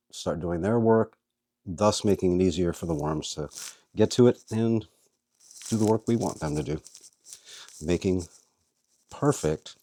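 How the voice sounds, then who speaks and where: A man's voice: deep voice, warm tone, no room sound. A man hosting a casual how-to video, chatting as he works and talking to his worms. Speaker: vlog host and worm farmer.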